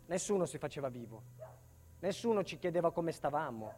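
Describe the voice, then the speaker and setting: With slight background noise, a fairly high-pitched, expressive, slightly mellow male voice that sounds close to everyday speech delivers a dramatic first-person theatre monologue. The stage actor and narrator portrays an embittered protected witness telling of a life in hiding. He is solemn, intense and deliberate, somber and haunted in mood.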